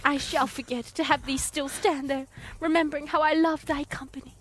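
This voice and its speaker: A woman's voice: sits high, fairly even intonation, brisk, lightly acted. A woman playing an ardent young woman in love in a theatrical Shakespeare reading, with an impassioned, declamatory delivery. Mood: lovesick.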